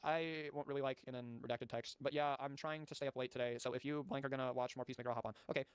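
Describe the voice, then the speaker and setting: Fast-talking man reading with profane asides. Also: mid-range voice, fairly even intonation, smooth, no room sound. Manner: stumbling over words while reading. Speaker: streamer. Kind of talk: reading documents aloud with live commentary.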